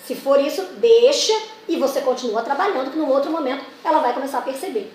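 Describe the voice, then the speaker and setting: A woman's voice: sits high, fast talker, darkish tone. A woman training teachers, explaining step by step with many examples and acting out classroom questions. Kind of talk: explanatory lesson. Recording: echoey room with faint noise.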